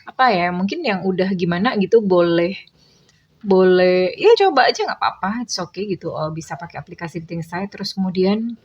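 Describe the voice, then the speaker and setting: A woman's voice: lowish voice, expressive, a little fast, husky, dull audio. A woman tarot reader speaking casually to her viewers, chatty and meandering, with many fillers.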